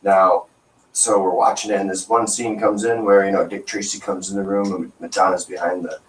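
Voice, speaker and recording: A man's voice: low-pitched, flat delivery, brisk, a little hiss or hum. A man co-hosting an internet radio show in casual chat, rambling and joking with many restarts, recorded at a desk mic in a small studio. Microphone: desk radio microphone. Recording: roomy, distant from the mic.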